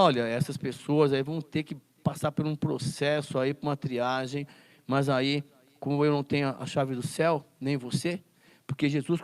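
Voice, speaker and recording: Animated man teaching a Bible class. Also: a little high. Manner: asks the class rhetorical questions; quotes scripture and acts out classroom scenes.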